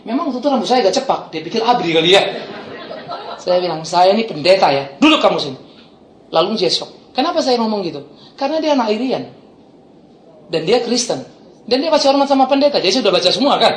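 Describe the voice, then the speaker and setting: A middle-aged man, a pastor preaching a sermon and telling stories with lively swings from loud to soft. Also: sits high, fast, pauses often, reverberant, slight background noise. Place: church.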